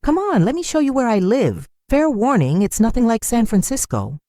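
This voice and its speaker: A woman reading the lines of a remorseful grown son who apologizes haltingly. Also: fairly high pitch, big pitch swings, mellow, dry recording, studio quality, voice pushed up. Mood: sheepish. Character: remorseful grown son, young adult man.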